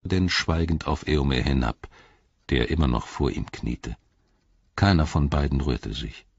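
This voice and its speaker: A man narrating an epic fantasy audiobook in a measured, solemn manner. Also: a bass voice, husky, no room sound. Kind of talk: scripted narration. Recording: dull, lo-fi audiobook recording.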